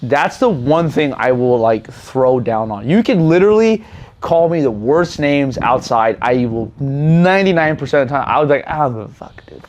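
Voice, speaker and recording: A man's voice: medium pitch, moderate pace, slight background noise. A man co-hosting a casual chat, telling stories bluntly and with plenty of swearing. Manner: blunt, profane, animated storyteller. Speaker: podcast co-host.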